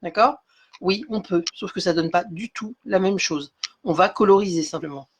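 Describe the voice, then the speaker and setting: A woman's voice: on the low side, normal speed, breathy edge. A woman hosting a live craft tutorial, explaining step by step with many fillers and greeting viewers by name as she works. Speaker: craft demonstrator.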